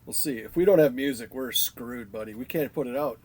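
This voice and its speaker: A man's voice: medium pitch, fairly quick, darkish tone, a little hiss or hum. A man co-hosting a podcast in casual chat, telling a rambling story, swearing and laughing hard. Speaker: podcast co-host.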